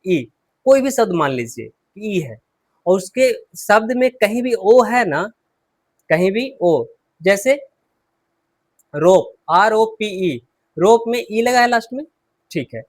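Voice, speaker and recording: A man teaching English pronunciation, slowly repeating words and asking and answering his own questions, clearing his throat often. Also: high voice, very animated, no room sound. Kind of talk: classroom lesson.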